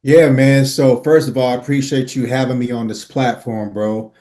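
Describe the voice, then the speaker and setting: A man's voice: mid-range voice, level tone, normal speed, mellow. A man in his forties from Miami, a podcast guest telling his life story earnestly, with casual slang and many "uh"s and "right?"s. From Miami, Florida. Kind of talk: storytelling in an interview.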